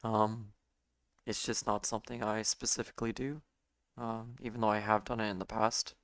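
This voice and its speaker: A man with a hoarse, failing voice giving halting live trading commentary as host of a stream. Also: lowish voice, little pitch movement, fairly bright tone, no room sound. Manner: halting, with fillers and throat clearing. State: hoarse, losing his voice. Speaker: day trading livestream host.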